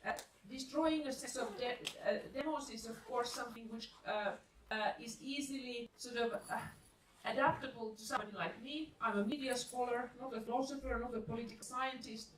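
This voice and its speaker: A soft-spoken woman with a fairly high voice gives measured academic remarks, filling pauses with frequent ums and uhs. She sounds far from the mic in a reverberant seminar room with a faint hiss. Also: steady tone. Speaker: panel speaker, media scholar.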